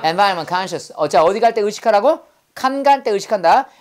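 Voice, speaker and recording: A woman teaching English vocabulary, her mid-pitched voice rising and falling in lively swings. She drills the class with quick call-and-repeat prompts. She explains each word through playful memory tricks.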